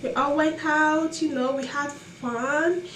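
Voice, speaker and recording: A woman's voice: high-pitched, steady tone, slow, fairly bright tone, slight background noise. A young adult woman telling college stories in a casual vlog, emphatic and exasperated, with lots of rhetorical questions. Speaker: college student vlogger. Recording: echoey room, mic at a distance.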